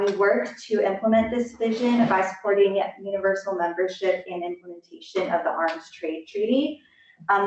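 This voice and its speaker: A young woman student calmly explaining her internship work. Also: medium pitch, slight background noise. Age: young adult. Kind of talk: presentation. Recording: echoey, distant, dull lo-fi sound.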